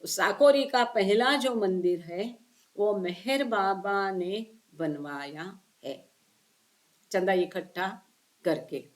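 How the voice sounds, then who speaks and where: A woman's voice: mid-range voice, takes it slowly. A woman reads a spiritual book aloud passage by passage, then explains each part at length and puts questions to her listeners in an online session. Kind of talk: book reading with commentary.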